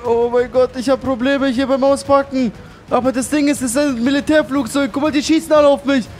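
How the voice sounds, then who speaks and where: A young man with a fairly high voice narrates his game role-play. He is excitable and keeps repeating his exclamations. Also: a little fast, a little hiss or hum. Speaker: gaming YouTuber.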